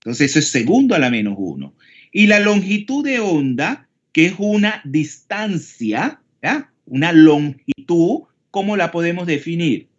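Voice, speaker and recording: Panamanian male teacher, higher voice, explanatory, keeps checking in with the class; muffled lo-fi online-class audio. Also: big pitch swings, unhurried. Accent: Panamanian Spanish. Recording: dull lo-fi call audio.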